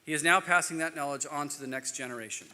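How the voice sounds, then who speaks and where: A man with a bright, fairly high voice introduces panelists at a conference, reading their bios aloud. Between the formal lines he drops into quiet, offhand asides. His voice carries a long reverberant tail from the hall. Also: fast.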